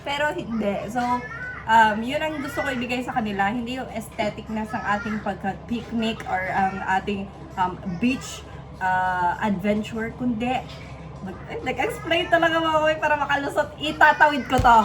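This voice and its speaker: A woman's voice: on the high side, normal speed, noisy background. A Filipina mother from the Philippines chatting casually in a home vlog, talkative and self-mocking with playful asides. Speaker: vlogger mom. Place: home kitchen.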